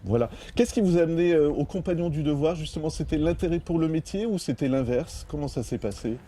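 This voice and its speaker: A man's voice: a little high, lively intonation, fast talker, warm tone, slight background noise. A man working as a local TV reporter, asking friendly, leading questions outdoors. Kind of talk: outdoor interview. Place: outdoors by a church.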